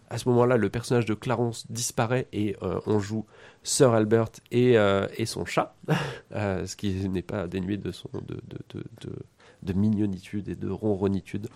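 A video game columnist with a cold chats casually on a radio show from a studio, using lots of fillers and repeating words. His voice is on the low side and a little mellow, with some vocal fry.

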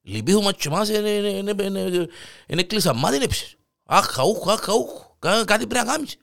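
Guy putting on a high whiny cypriot neighbor, begging, all ahs and ouches, sleepless. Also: animated, creaky, fairly bright tone, full character voice. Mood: pleading. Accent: Cypriot Greek. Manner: whiny, pleading, groans and sighs. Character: fed-up middle-aged male neighbor, sleepless and pleading.

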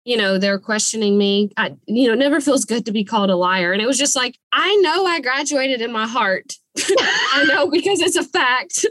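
Animated, swearing woman podcast host. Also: on the high side, moderate pace, dry recording. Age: late 20s. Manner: animated, profane, many "like" fillers, frequent laughs. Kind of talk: casual storytelling chat.

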